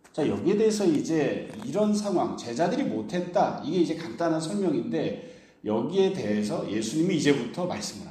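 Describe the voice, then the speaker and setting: A man's voice: medium pitch, mellow. A male pastor preaching a sermon, explaining a passage and asking his listeners rhetorical questions. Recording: roomy echo.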